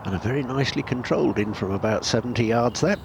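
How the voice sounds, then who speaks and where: A man's voice: medium pitch, fast talker, creaky. A man commentating on a golf tournament as a golf commentator. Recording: noisy outdoor ambience behind voice.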